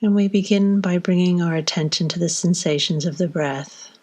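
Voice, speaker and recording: Guiding listeners through a body scan meditation, a woman speaks in a fairly low pitch. Her instructions come slowly and gently, separated by long pauses.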